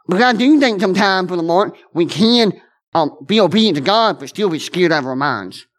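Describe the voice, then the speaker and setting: A pastor preaching a conversational sermon in church, earnestly repeating and restarting phrases, quick in asides and slow on key lines. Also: male voice, sits high, animated.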